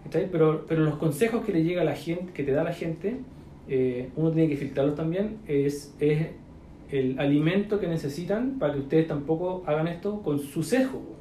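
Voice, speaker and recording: A man's voice: a little high, moderate pace, mellow, slight background noise. A man with a Chilean accent, mentoring entrepreneurs in a casual chat full of slang, fillers and coaching asides. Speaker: business mentor. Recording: echoey room.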